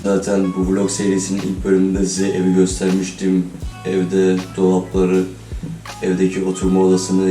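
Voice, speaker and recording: Sick young man with a flat, robot-like voice. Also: low voice. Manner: chatty, keeps calling viewers "friends". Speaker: vlogger. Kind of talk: casual talking-to-camera vlog. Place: kitchen of a holiday home. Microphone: camera on a tripod a few steps away. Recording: roomy, distant camera mic, faint music.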